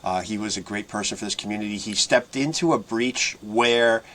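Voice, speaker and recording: New guy hosting a fan podcast, lowish voice, chatty, lots of restarts. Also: moderate pace, a bit bright, slight background noise. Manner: asks his co-host questions, many restarts. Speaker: podcast host. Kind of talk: casual podcast chat.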